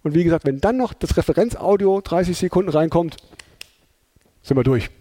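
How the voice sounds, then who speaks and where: Mellow-voiced man giving a chatty talk. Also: fairly high pitch, expressive, brisk. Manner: chatty, many fillers and tag questions. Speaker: presenter. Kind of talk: conversational lecture.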